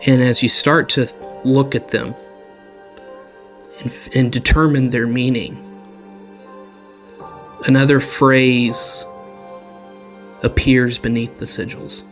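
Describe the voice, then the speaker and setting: A man narrating a tabletop game as dungeon master in a slow, deliberate storytelling manner. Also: mid-range voice, fairly even intonation, faint music behind.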